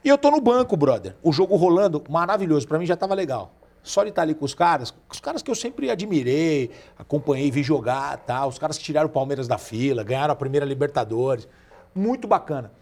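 A man's voice: fairly high pitch, fast. Man in his forties telling stories. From Brazil. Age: 40s. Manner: lively anecdotal, acts out quoted voices. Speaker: podcast guest. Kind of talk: casual storytelling.

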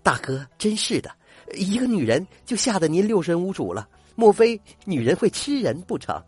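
An older man voicing a gentle, grateful young woman in disguise, with soft, earnest speech, in a told folk tale. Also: lowish voice, very animated, normal speed, husky, no room sound, soft background music, voice pushed up. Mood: teasing.

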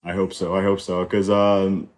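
A man's voice: low voice, little pitch movement, normal speed, a little mellow. A young man who grew up in Haiti with French and Haitian Creole as his first languages, a podcast guest chatting in a reflective way with many fillers and restarts. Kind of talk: casual conversation.

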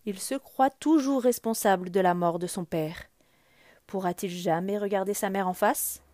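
A woman narrating a children's storybook in an expressive, animated read-aloud. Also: mid-range voice, moderate pace, no room sound, clean studio sound.

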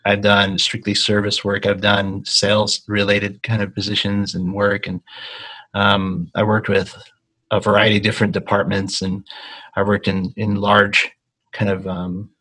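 A man's voice: fairly low pitch, completely flat delivery, unhurried, pushed and bright, low-quality recording. A man from Argentina, a guest in an interview, talking casually with many ums and restarts. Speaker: guest, consulting company founder.

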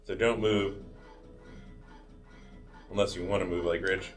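A man with an Arizona American accent and a fairly low voice hosts a casual game session. He explains rules and jokes as he plays, with faint music behind him. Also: level tone, unhurried. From Arizona, United States. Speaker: host of a group game session with interview. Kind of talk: casual chat while explaining and playing a video game.

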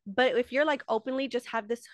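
A young woman co-hosts a laid-back podcast, earnest and empathetic, breaking into giggles. Her voice is somewhat high, and it is recorded dry and close. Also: brisk, no room sound. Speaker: podcast co-host. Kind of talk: casual chat.

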